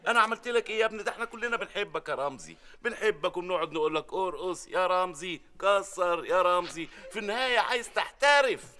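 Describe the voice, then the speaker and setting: Sarcastic harried dad, quick talk, bright, sitcom rants. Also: male voice, high voice. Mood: outraged. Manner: exasperated, sarcastic, rises to shouting rants. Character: harried middle-aged family father Adel. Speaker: sitcom lead. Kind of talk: sitcom acting.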